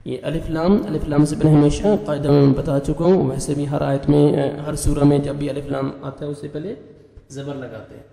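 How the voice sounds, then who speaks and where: A man teaching Quran recitation, spelling out letters and vowel marks, then chanting the words slowly and melodically with quick explanations in between. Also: fairly high pitch, little pitch movement, gravelly, echoey room, big-room sound, a loud crowd, low-quality recording. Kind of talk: spelling out and reciting verses with tajweed rules.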